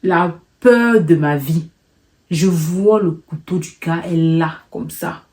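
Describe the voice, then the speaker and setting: A young woman with a slightly low voice tells a personal story in a casual storytime vlog. She talks in an animated, emotional way and repeats words to build tension. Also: takes it slowly.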